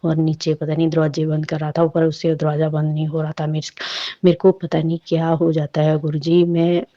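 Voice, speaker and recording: A woman's voice: deep voice, monotone, fairly quick, dark tone, no echo. A woman sharing a devotional satsang as a personal prayer and testimony, pleading and repeating her requests. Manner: pleading, repeating "please guruji". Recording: slightly muffled dry recording.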